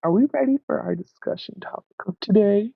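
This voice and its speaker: A woman's voice: mid-range voice, a little fast, creaky, breathy edge. A woman with a New York accent co-hosting a podcast, talking bluntly and profanely and laughing often. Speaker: podcast co-host. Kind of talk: casual chat. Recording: dull, dry lo-fi podcast audio.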